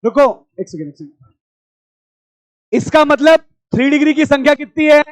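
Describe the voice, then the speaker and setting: High-voiced male teacher shouting in class. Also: expressive, normal speed, no echo. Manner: loud, scolding and coaxing students. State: strained throat. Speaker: chemistry teacher. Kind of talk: classroom lecture.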